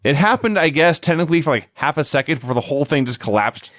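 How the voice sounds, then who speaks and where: A man talks in an easy, conversational way, his pitch swinging widely as he recaps with dry sarcasm. The sound is close and dry, with no room around it. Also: quick pace, no echo. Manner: sarcastic, animated recapping with mock quotes. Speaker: podcast co-host. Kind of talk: casual wrestling recap chat.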